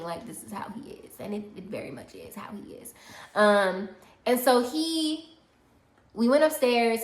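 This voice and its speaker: A woman telling a personal story in casual chat, animated and laughing, acting out the people she quotes. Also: mid-range voice. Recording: roomy echo.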